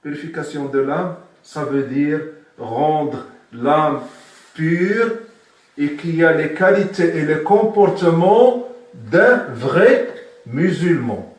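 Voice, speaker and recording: Heard from a distance in a very echoey room, a man from Morocco delivers a religious lesson as a sheikh teaching Sufism. He speaks slowly with a fairly high pitch and lively intonation, putting questions to his listeners and going back over his main points.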